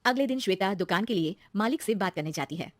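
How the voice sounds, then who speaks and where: Fast-paced woman storyteller. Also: medium pitch, expressive, no room sound. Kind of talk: scripted narration.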